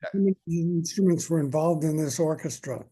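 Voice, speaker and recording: An older man hosting a podcast interview, asking short relaxed questions. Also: on the high side, brisk, slightly rough. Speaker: podcast host. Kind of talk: casual interview talk.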